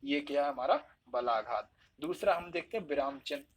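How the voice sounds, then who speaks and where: Male teacher, husky and slightly high, patiently explaining and demonstrating examples aloud. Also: expressive, moderate pace. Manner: explains step by step, acts out examples with shifting stress. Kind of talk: spoken Hindi lesson.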